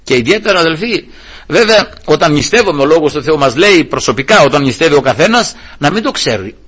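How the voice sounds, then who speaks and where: A man's voice: fairly high pitch, lively intonation, fairly bright tone, breathy edge. A male preacher giving a sermon, telling a Bible story and calling his listeners brothers.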